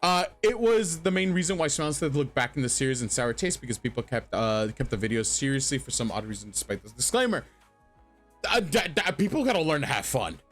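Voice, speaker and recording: A man's voice: medium pitch, lively intonation, a little fast, fairly bright tone, faint music behind. A man doing casual livestream commentary in a blunt, profane, rambling way that stammers and repeats. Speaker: streamer reacting to a video.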